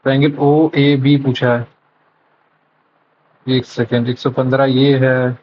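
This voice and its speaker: Speaking slowly and with little pitch movement in a mid-range voice, a man tutoring for exams reasons aloud through math on a live mock test, muttering figures, self-correcting, and using English terms. The recording is dull and lo-fi, carrying a little hiss or hum.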